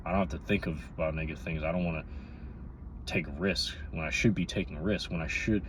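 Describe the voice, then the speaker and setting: A twenty-three-year-old vlogger talks fast in a steady tone, delivering a casual, candid, rambling monologue to his viewers and often asking "you know." He records inside a car, parked or running, and the audio is noisy with the vehicle's rumble.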